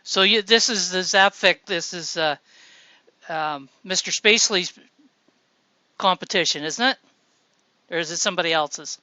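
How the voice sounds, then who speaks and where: An upbeat woman hosts a group voice chat and calls people up one by one. Her voice sits a little low but has a bright, sharp edge. It comes through dull and lo-fi, like a voice-chat line, and the sound is dry. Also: a little slow, pauses often, dry recording. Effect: group voice chat audio. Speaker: host of a voice-chat showcase. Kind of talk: casual hosting chat.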